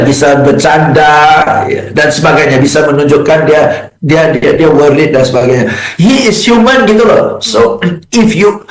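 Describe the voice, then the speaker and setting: A man's voice: fairly high pitch, reverberant, poor audio. A man speaking as a guest on a radio business talk show, emphatic and rhetorical, often mixing English phrases into his talk.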